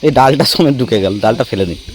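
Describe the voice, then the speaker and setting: A man's voice: mid-range voice, lively intonation, rapid-fire, slight background noise. A man, chatting to camera and family in a casual outdoor village vlog. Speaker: family vlogger.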